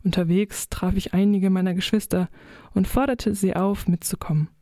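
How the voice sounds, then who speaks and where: A woman narrating a children's audio story in the first person, with gentle, expressive storytelling. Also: mid-range voice, normal speed, no room sound, studio quality.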